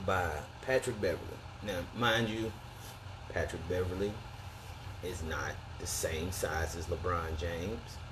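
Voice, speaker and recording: Low-voiced American man ranting casually, noisy recording. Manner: slangy, emphatic, conversational. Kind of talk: casual opinionated rant about basketball.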